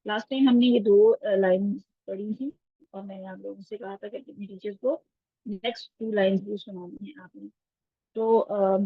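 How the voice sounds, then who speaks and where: Husky-voiced woman teaching over a call. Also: mid-range voice, no echo. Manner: patient step-by-step explaining, checking in with students. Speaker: Quran recitation teacher. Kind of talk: online class lesson. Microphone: video call. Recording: dull lo-fi online call audio.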